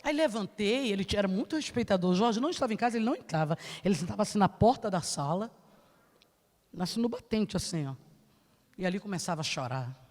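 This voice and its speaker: A woman with a Brazilian accent telling a testimony in church, animated and acting out the scene. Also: mid-range voice, fast talker. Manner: animated, acts out the scene with laughs. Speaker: church speaker. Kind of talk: lively testimony storytelling. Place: church sanctuary. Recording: church hall reverb.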